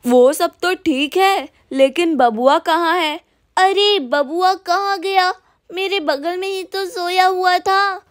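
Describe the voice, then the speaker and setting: A woman's voice: very high-pitched, slow, dry recording, clean studio sound. A woman voicing a strict, fretful old grandmother who scolds her family. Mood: scolding. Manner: scolding, bossy.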